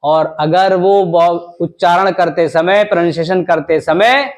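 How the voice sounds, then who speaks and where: A man's voice: high-pitched, a little slow. A man teaching English grammar in a classroom style, mixing Hindi with English terms and asking and answering his own questions.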